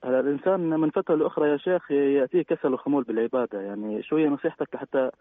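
A male caller asks a question on a phone-in show, his voice coming over a thin, dry telephone line without echo. He's polite but hesitant, speaking quickly at a mid-range pitch, stumbling and filling pauses with lots of "uh."

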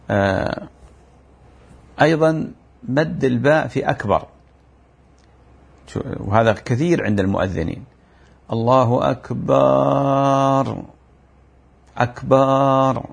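A man giving a religious lesson, explaining mistakes in the call to prayer and chanting examples of them, in a drawn-out, repetitive teaching manner. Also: on the low side, creaky, slightly rough. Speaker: Islamic teacher. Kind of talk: religious lecture.

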